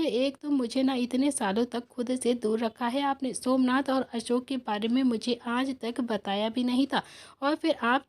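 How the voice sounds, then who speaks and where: Woman reading as a scolding, annoyed wife. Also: sits high. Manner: sharp, scolding. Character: annoyed, scolding middle-aged wife and mother.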